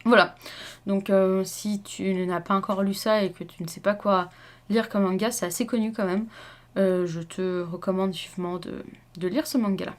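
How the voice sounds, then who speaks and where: A woman's voice: mid-range voice, steady tone, moderate pace. A young woman chatting casually to camera about her reading, rambling with lots of fillers and self-corrections. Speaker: book vlogger.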